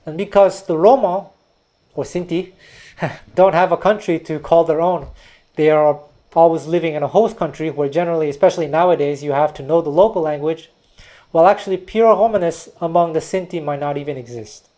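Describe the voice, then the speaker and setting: He's a music teacher and video host from Quebec, Canada, with Taiwanese as his first language, and his voice is warm, fairly high, and fairly quick. In this educational history talk he muses and digresses, often starting words over.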